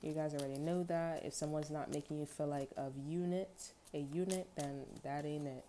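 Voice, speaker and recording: Brief: woman tarot reader, very low and mellow voice, rambling casual delivery full of okays. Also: steady tone, moderate pace, a little hiss or hum. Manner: rambling, peppered with okay and like.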